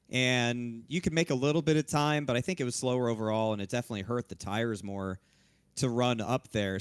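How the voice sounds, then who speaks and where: Post-race driver, voice going hoarse. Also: male voice, mid-range voice, dry recording. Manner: relaxed, loose, frequent restarts and fillers. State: losing his voice. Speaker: race-winning sim racing driver.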